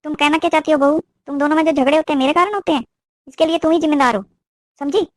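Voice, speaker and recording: A woman does cartoon voice acting as a suspicious middle-aged mother-in-law, scolding and complaining. Her voice is high-pitched and very fast, lightly acted, with no room sound.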